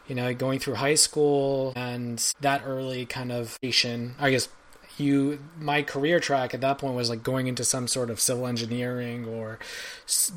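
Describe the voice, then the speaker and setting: A Belgian man in his forties appears as a podcast guest in a casual interview chat, telling his story thoughtfully and in a rambling way with many fillers and restarts. His voice is mid-range with a fairly bright tone.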